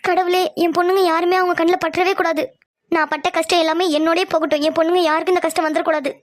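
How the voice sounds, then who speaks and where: A woman's voice: very high-pitched, level tone, quick pace, dry recording, clean studio sound. A woman voicing an anxious middle-aged mother in a cartoon who hurries her daughters home. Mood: fearful. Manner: pleading, insistent. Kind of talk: cartoon voice acting.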